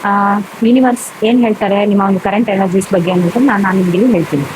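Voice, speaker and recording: A woman's voice: medium pitch, fast talker, background noise. A woman giving a tarot reading to camera, rambling and repetitive, full of fillers and restarts. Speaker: tarot reader.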